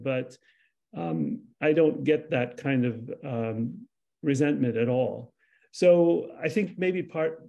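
A man in his sixties from Lebanon, a translator speaking thoughtfully on a video call panel, with many pauses and restarts. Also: mid-range voice, vocal fry, darkish tone. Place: home room with framed pictures. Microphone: video call webcam.

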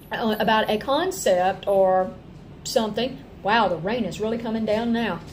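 A middle-aged woman with an Appalachian accent, chatting casually to camera in a folksy, animated, expressive way. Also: a little high, slight background noise. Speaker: homeschooling parent and vlog host. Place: indoor room at home.

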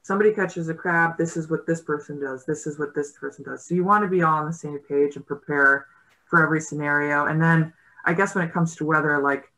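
A woman's voice: low-pitched, steady tone, fairly quick, bright, forceful tone, poor audio. A woman in her thirties, a rower on a panel, speaking on a video call in a thoughtful, hesitant way with many fillers. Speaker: guest rower. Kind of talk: casual panel discussion. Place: indoor home room. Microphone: video call laptop mic.

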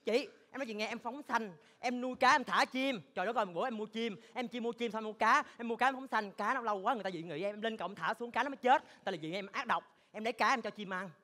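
A man doing a shrill old gossip woman. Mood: self-praising. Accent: Southern Vietnamese. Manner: sharp-tongued, rapid, exaggerated gossip. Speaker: comedian in a stage sketch. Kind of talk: stage comedy sketch acting.

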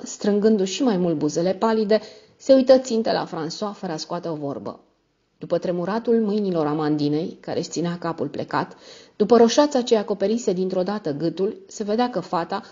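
A woman with a low voice reads a classic novel aloud in measured, dramatic narration. The audio is dull and lo-fi, missing its top end. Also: dark tone. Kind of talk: scripted narration.

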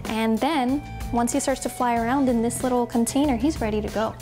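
A young woman with a high voice teaches small children like a kids show host. She explains things in simple words and invites them to join in with questions and call-outs. Music plays behind her. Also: steady tone, a little fast, mellow. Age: 20s. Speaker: butterfly expert and field trip guide. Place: lab room and outdoor butterfly garden.

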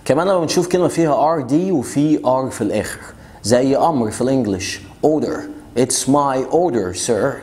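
Fast-talking Egyptian man teaching pronunciation. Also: medium pitch, mellow. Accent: Egyptian Arabic. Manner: boastful, joking, rapid chatty explanations with slow drawn-out example words. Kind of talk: casual video lesson.

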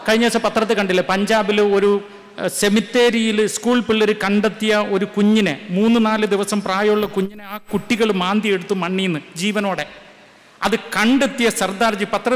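Man preacher, higher voice, pushes the congregation to answer him, reverberant hall. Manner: rhetorical questions, urging the crowd to answer aloud. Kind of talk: sermon to a congregation. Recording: echoey hall with faint ambience.

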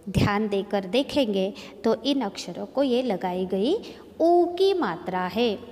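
A woman's voice: medium pitch, a little mellow, long reverb tail. A woman teacher giving a recorded lesson to young children, drawing out and stressing sample words for the class to copy. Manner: slow, drawn-out pronunciation of sample words; stresses vowel sounds, repeating words for drill. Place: school classroom.

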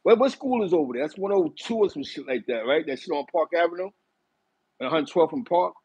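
Brisk and on the high side, with a slightly rough voice, a middle-aged host from East Harlem, New York City, shares stories with a live chat. He has a New York accent, is animated, and gestures plenty while reminiscing in a small bright room. The recording is rough, with no room sound.

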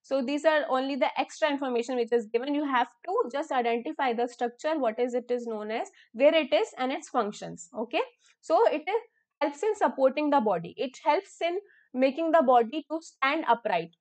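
A woman's voice: sits high, animated. A woman science teacher with an Indian English accent gives an online lesson. She mixes English and Hindi and keeps checking with "okay?". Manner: filler-heavy, repeats terms slowly for students.

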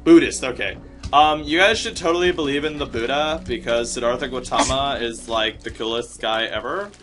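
A man's voice: medium pitch, moderate pace, fairly bright tone, faint music behind, natural voice. A man voicing a bubbly, airheaded Buddhist monk with a Valley Girl accent, full of "like" and "totally.". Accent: California Valley Girl. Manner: ditzy, peppered with "like" and "totally". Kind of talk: improvised comedy bit.

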